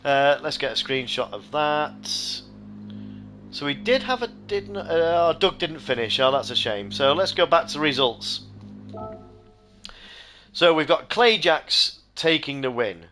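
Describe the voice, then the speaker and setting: Faint music plays behind a middle-aged sim racing streamer who is close to losing his voice. He speaks a little slowly with a slightly high pitch, swinging from rambling viewer chat to excited race commentary.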